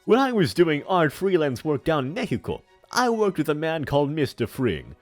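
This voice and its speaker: A man's voice: fairly high pitch, wildly swooping pitch, moderate pace, faint music behind, voice pushed up. A man voicing a pompous, menacing, melodramatic older man in a hammy stage-actor manner for a comic dramatic reading. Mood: indignant, haughty. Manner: hammy stage-actor delivery with grandiose emphasis.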